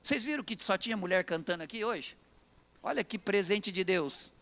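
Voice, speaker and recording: A Brazilian man preaching a sermon to his church, lively and animated, telling stories and acting out quotes. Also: high voice, normal speed. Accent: Brazilian Portuguese. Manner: animated, preaching with acted quotes and jokes to the congregation. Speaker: pastor.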